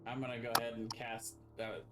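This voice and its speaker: A man's voice: mid-range voice, monotone, fairly quick, a crowd in the background, poor audio. A man chatting casually as a player in a tabletop game, explaining things in a rambling way.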